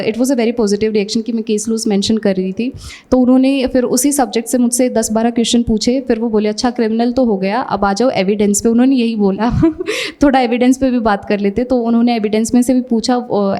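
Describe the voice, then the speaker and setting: A young woman from Haryana, talking very fast in a casual interview and slipping English phrases in as she speaks. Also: fairly high pitch, dark tone. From Haryana, India. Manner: talks very fast; mixes English phrases into Hindi. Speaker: successful exam candidate being interviewed.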